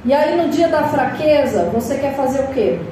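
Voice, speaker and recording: A woman pastor with a Brazilian Portuguese accent preaching a sermon, animated, repeating phrases and asking rhetorical questions. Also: high-pitched, normal speed, crowd noise. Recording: echoey hall, voice far from mic, noisy.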